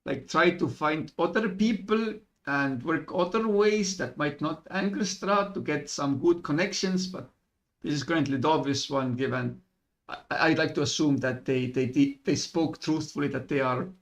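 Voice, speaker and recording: Over voice chat, a man plays a tabletop game, debating in character and hesitantly weighing his options aloud. His voice is fairly high and at normal speed.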